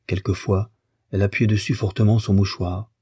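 A man reading a classic novel aloud in a measured, even way. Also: on the low side, husky, dry recording, studio quality. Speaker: audiobook narrator. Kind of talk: scripted literary narration.

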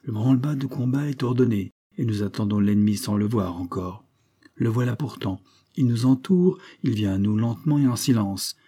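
A man reads a sea adventure aloud in a measured, descriptive manner. His voice sits low and dark, with a husky edge. The reading is steady and scripted. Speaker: narrator. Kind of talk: scripted audiobook narration.

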